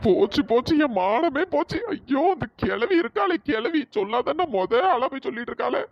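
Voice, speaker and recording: A man's voice: very high-pitched, animated, a little fast, muffled recording, over music. A man voicing a flustered, mischievous young husband in a cartoon, pleading and muttering to himself. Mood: panicked.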